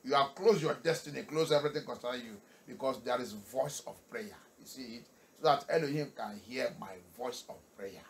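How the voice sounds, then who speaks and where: A male pastor preaching a sermon with emphatic delivery, repeating key phrases and swinging from soft to loud. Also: medium pitch, normal speed, slightly rough.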